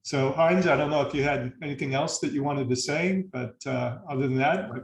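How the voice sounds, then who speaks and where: A man's voice: on the high side, fairly quick, gravelly. Easygoing male host in a roomy room. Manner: easygoing, lots of uh fillers. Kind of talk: casual panel discussion. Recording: roomy video call audio.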